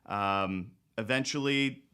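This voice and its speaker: Lawyer guy on a podcast, kinda low pitch but bright and crisp, lots of ums. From born in Greece, grew up in the United States. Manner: relaxed, halting, many fillers and restarts. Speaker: guest, attorney. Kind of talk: casual interview.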